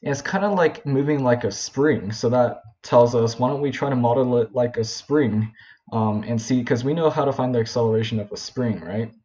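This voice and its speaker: A young man explains a physics problem at a whiteboard in loose, casual speech, full of fillers and quick corrections. His voice is mellow and a little dark. The recording is dull and lo-fi, like a simple home setup. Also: medium pitch. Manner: informal, many fillers and self-corrections. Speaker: physics tutor.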